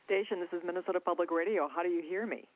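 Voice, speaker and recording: A man's voice comes through a thin, tinny phone link, pitched a little high. He is a radio interviewer who asks curious, friendly questions in a relaxed, conversational way. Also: very fast, no echo. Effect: phone line.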